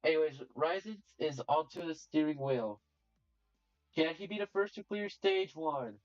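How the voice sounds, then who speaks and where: A young man commentating a game competition play-by-play, halting with fillers and restarts, then breaking into excited shouts. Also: on the high side, no room sound. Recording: distant dull mic with faint music.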